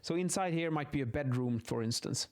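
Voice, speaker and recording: A man with a fairly high, darkish-toned voice speaks a little fast. As an acoustics instructor, he explains measurement methods in an informal, improvised lesson while sketching, thinking aloud and self-correcting as he explains.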